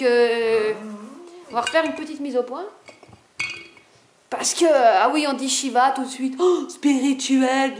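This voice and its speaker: Woman, high-pitched voice, fast and talkative, casual spiritual vlog, echoey room. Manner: fast, talkative, animated and a bit rebellious. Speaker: spiritual vlogger. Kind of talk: casual spiritual monologue to camera.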